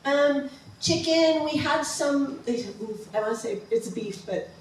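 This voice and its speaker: A woman's voice: high-pitched, animated, a little slow. Woman presenting a travel slideshow, chatty and enthusiastic, distant mic, very echoey room, faint background noise. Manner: chatty, enthusiastic, many ums and restarts. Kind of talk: casual slideshow talk.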